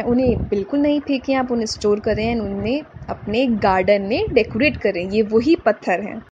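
A woman talks through a garden craft project step by step in a patient, instructional voice-over. Her voice sits a little high, and she drops English words into her sentences. Clear ambient noise runs under the recording. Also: muffled recording. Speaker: craft channel host.

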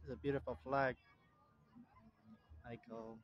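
Walking with his phone in hand, a young vlogger from Puerto Rico films a beach vlog in an outdoor beach park, ducking in and out of a tent. His medium-pitched delivery is flat, and he rambles casually without hurrying, in plain language. Sound quality is dull, lo-fi phone audio.

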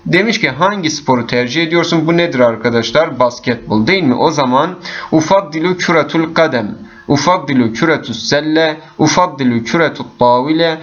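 A man's voice: on the high side, brisk, fairly bright tone. Guy teacher going through test answers, patient, kinda dull lo-fi sound. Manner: patient, addresses class as friends, reads options aloud. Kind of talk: exam walkthrough lesson.

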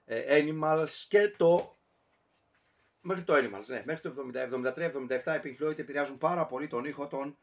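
A man casually ranking albums on camera, talking in a rambling, digressive way with many fillers and self-corrections. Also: fairly high pitch. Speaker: music reviewer.

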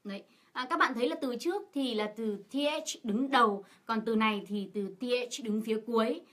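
A woman with a bright, slightly high voice interprets for the class. She keeps asking her listeners questions and fills her pauses with short sounds. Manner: asks rhetorical questions of the class, with many fillers. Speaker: co-teacher and interpreter. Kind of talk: explaining a lesson in Vietnamese.

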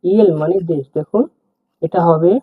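A male language teacher teaches the alphabet step by step, spelling out letters and repeating each word with its meaning. His voice sits high at normal speed, and the recording is tinny and phone-like, husky and dry with no echo.

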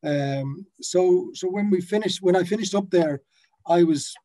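A brewery founder in his fifties who grew up in the Netherlands speaks on a video call through his laptop webcam, sitting in his office with a brand banner behind him. His voice sits high and mellow at a measured pace, and he is hesitant, with many fillers and restarts.

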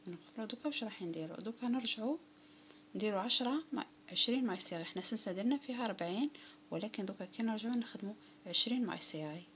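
A woman with an Algerian Arabic accent walks through crochet steps at a brisk clip, her voice often sinking to a soft near whisper. Steady background noise runs under her homemade recording. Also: mid-range voice. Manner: calm instructive talk, often dropping to a near whisper. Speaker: crochet tutorial host. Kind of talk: step-by-step craft tutorial.

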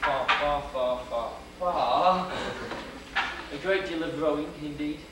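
This young man from Wales speaks slowly in a slightly high voice with a Welsh accent, joking his way through a theatrical history lecture for an audience. He stands in a lecture hall with a projection screen, captured by a far camera on echoey, noisy old video.

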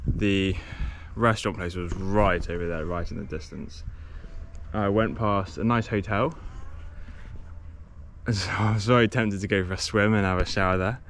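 A young man talks to the camera in a loose, rambling way, often stopping to correct himself. His voice sits on the lower side, and it comes from an action camera held at arm's length outdoors. Faint wind and passing traffic sit behind him. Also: steady tone, moderate pace, fairly bright tone. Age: young adult. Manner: chatty, rambling, self-correcting. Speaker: cycle touring vlogger. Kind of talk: casual vlog to camera. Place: outdoors on a sunny coastal path.

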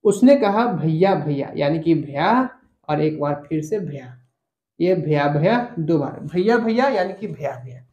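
A man's voice: on the high side, expressive, unhurried, a little mellow, lo-fi sound. A man teaching an online grammar lesson. He explains step by step, repeats the key points and asks his students questions. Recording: echoey room.

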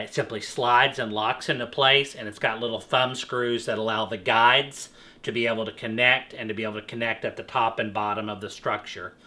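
In an echoey indoor showroom with bare walls, a thirties-aged male host explains a product casually as he demonstrates it, using fillers and restarts. His voice is medium-pitched, bright and forceful.

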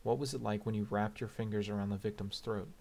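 A calm, probing prosecutor, read by a man. He speaks low and slow, pressing each question quietly in an audiobook reading. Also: creaky, a little hiss or hum.

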